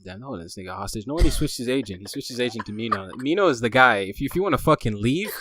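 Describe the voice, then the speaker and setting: Fast-talking, bright-voiced man in football banter. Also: medium pitch, no room sound. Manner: fast, excitable, stumbling restarts, laughs often. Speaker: podcast co-host.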